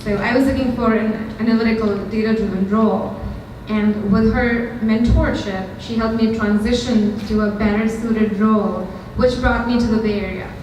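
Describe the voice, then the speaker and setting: Before a live audience in an event hall, a young woman from India, a startup founder, shares a candid, conversational storytelling lightning talk in an Indian accent, using frequent ums. Her voice is on the high side and a little mellow, with fairly even intonation, normal speed and few pauses. It's recorded from far off in a very echoey, noisy hall.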